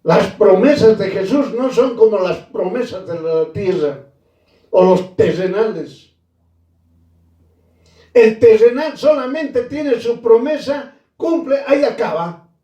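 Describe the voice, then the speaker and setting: A man preaching a sermon slowly and emphatically, repeating key phrases and calling his listeners brother. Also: high voice, animated, warm tone, echoey room, distant mic, dull audio.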